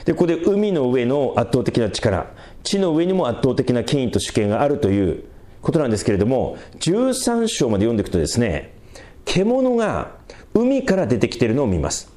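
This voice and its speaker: Male pastor, Bible teaching sermon, mid-pitched, lively intonation, frequent fillers, slow emphatic scripture reading. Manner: explanatory, with frequent fillers and self-corrections; reads scripture aloud slowly and emphatically.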